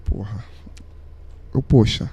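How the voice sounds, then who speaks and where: A man's voice: slow, mellow. Heartfelt man. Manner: slangy, heartfelt, drops to near-whisper at moving moments. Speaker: podcast guest, saxophonist. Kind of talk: emotional storytelling in casual chat.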